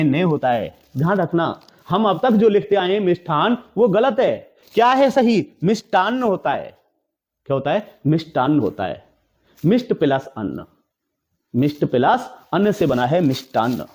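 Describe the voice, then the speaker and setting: In an exam-prep spelling session, a man with a fairly high but somewhat dark voice coaches candidates on spelling. He repeatedly asks rhetorical questions, supplies the answers, and stresses each word heavily over several repetitions.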